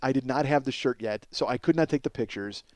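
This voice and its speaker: A crowd can be heard behind a middle-aged comedy podcast host who speaks a little fast in a medium-pitched voice. His monologue rambles excitably, turns profane and self-mocking, and often snags on repeated words.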